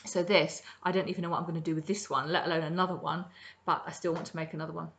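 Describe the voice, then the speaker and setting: A middle-aged woman with a deep, slightly bright voice and little pitch movement talks rapid-fire on her crafting podcast. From her home kitchen she chats and rambles casually about her projects in show-and-tell fashion, with many ums.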